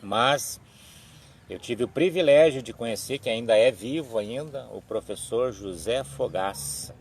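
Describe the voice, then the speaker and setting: A man, giving a slow, halting religious reflection on a live stream, with frequent restarts and tag questions. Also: medium pitch, slightly rough. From southern Brazil. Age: 60s. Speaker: evangelical live-stream speaker.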